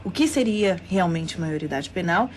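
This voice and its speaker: A woman's voice: on the low side, lively intonation, slight background noise. A Brazilian woman hosting a live radio interview show, announcing the topic and contact details in an announcer-like way. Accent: Brazilian Portuguese. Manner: announcer-like, reads phone numbers and email slowly. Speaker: radio host. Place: radio studio.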